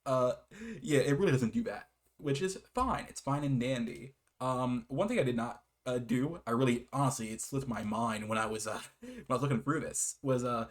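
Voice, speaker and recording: An American man reviews video games in a casual, rambling way, partly reading from the game blurbs. His voice is medium-pitched and his pace is moderate.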